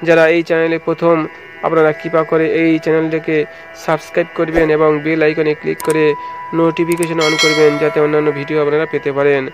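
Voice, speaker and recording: Flat, steady man narrating scripture. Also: a little high, a little fast, over music. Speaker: devotional storyteller.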